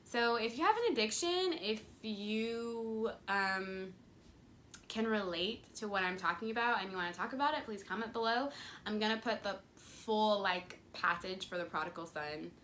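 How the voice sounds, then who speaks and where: Bright-voiced young woman in earnest chat. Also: medium pitch, normal speed, a little hiss or hum. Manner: earnest, chatty, acts out quoted voices. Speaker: faith vlogger. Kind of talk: casual devotional talk to camera.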